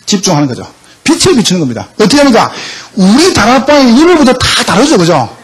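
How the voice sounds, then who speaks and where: High-pitched preaching man, husky. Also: big pitch swings, fast. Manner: emphatic, asks the congregation questions. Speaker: pastor. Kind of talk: sermon.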